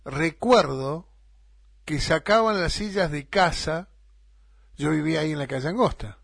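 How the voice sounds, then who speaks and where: A middle-aged man with an Argentine accent, hosting a radio interview and reminiscing in a halting way with fillers. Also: fairly high pitch, gravelly, fairly bright tone, breathy edge, no room sound, studio quality. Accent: Argentine Spanish. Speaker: radio host.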